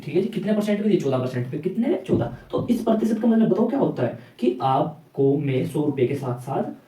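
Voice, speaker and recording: Fast, echoey man teaching math. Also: sits high, dark tone, recorded from a distance. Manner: rhetorical questions answered himself, repeats "ठीक है". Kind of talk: classroom math lesson.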